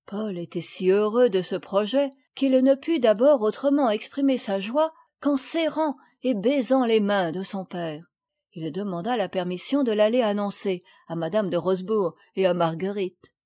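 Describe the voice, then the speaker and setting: Woman reading a kids' classic aloud, steady measured pace. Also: mid-range voice, dry recording, clean studio sound. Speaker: audiobook reader. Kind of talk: storybook narration.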